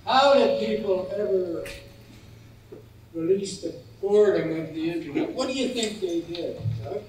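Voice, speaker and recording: A man's voice: high-pitched, expressive, unhurried. An older man playing a wisecracking married man at a bar in an amateur stage comedy skit, telling punchline jokes. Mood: joking. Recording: echoey hall, far-off mic, background noise.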